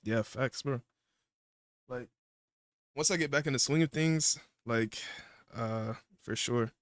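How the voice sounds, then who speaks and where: Casual male streamer, easygoing slang, medium pitch, dry recording. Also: a little slow, no room sound. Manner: laid-back slang, eating while talking. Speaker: livestream guest. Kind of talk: casual livestream chat.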